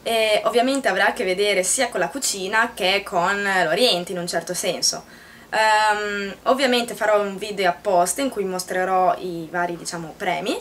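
Italian woman in her 20s vlogging, kinda halting, hunting for words, bit of room noise. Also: mid-range voice, fairly bright tone. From Italy. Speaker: video blogger. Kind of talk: casual talk to camera. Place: small room indoors.

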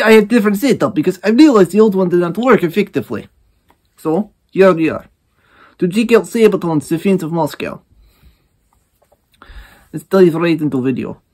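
Mock Soviet commander, played by a man with a put-on Russian accent; playful, theatrical, pitched a bit high. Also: lively intonation, moderate pace, long pauses, a little mellow.

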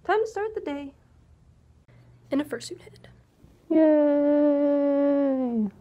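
A woman's voice: sits high, extremely slow. A woman vlogging while wearing a fursuit head, her voice muffled inside the costume, talking playfully with silly growls. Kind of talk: casual vlog chatter.

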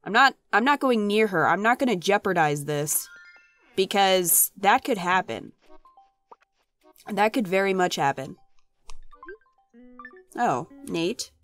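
A woman's voice: medium pitch, lively intonation, slow pace, pauses often, fairly bright tone. A woman with a phlegmy, congested voice giving casual, chatty let's play commentary in playful exasperation. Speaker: gaming channel host. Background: video game music.

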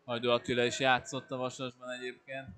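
A man's voice: medium pitch, completely flat delivery, a bit bright. A man giving analytical commentary on a live sports match. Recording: faint pool-hall noise behind the voice. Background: indoor pool ambience.

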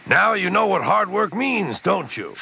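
A man's voice: high voice, wildly swooping pitch, slow pace, vocal fry, a little hiss or hum, pitched above the performer's own voice, full character voice. A man voicing a big, proud male express engine in a storybook reading, bossy and gloating. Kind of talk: storybook narration acting. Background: loud music.

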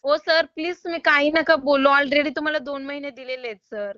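High bright woman on a phone call. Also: fairly even intonation, fairly quick, no echo. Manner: polite but insistent, exasperated. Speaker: loan collection caller.

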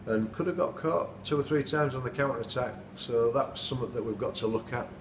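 Recorded from a distance, a middle-aged football manager speaks briskly at medium pitch in a plain, sincere post-match interview. It takes place at night in a dim indoor room, with echo, noise and the mic placed away from him.

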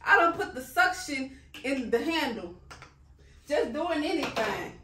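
Female vlogger, American, high voice, casual and expressive, playful slang. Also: measured pace, echoey room, a little hiss or hum. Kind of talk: casual chat to camera.

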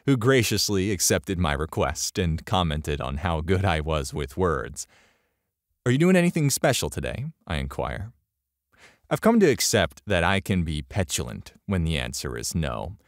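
A man's voice: extremely low pitch, no echo, studio quality. A man narrating a story in a sarcastic, exasperated way.

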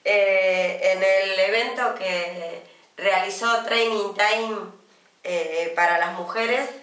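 A woman in her fifties with an Argentine Spanish accent co-hosts a casual chat show in a small indoor TV studio, talking chattily with many drawn-out pauses. Her medium-pitched voice is steady and a bit bright. Picked up off-mic by a desk microphone some distance away, it has a roomy studio sound.

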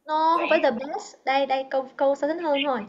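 A high-pitched woman teaches English over a video call, encouraging her learners and slowly repeating each word for them to copy. The audio is dull and lo-fi. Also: fairly even intonation. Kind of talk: online class teaching.

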